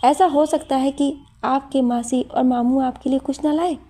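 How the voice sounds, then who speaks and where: A woman voicing a calm, quiet young teacher in a story, speaking softly and politely. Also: sits high, moderate pace, lightly acted. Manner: soft-spoken, polite.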